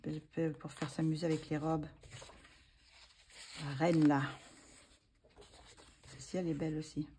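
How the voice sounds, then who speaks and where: A woman's voice: low-pitched, level tone, moderate pace, long pauses, dark tone, slight background noise. A woman talking casually as a vlogger, hesitant and full of fillers as she thinks aloud. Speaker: vlogger showing coloring books. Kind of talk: casual chat.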